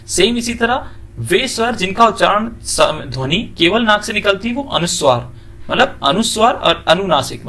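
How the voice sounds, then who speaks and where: A man giving a classroom lesson, often asking a question and then answering it himself, and drawing out example sounds slowly. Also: high-pitched, bright, forceful tone. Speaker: teacher.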